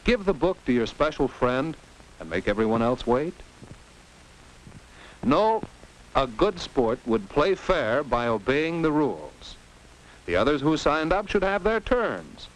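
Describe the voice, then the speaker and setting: On a noisy old 1950s film soundtrack, an American man delivers scripted teaching narration aimed at teens. He speaks like a commentator, posing questions and letting out exclamations. His voice is a little high.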